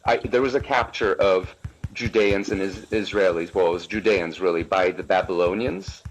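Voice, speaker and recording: A man from Poland calling into a live stream, asking an earnest, curious question in a halting way. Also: low voice, slight background noise. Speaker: caller. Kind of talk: casual chat. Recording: dull lo-fi audio.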